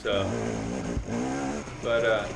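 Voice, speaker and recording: A man's voice: on the low side, level tone, drawn-out words, creaky. A man giving casual, rambling, self-deprecating race commentary as a motovlogger, chatty in his delivery. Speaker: motovlogger and amateur dirt bike racer. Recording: roomy echo, loud engine and ambient noise.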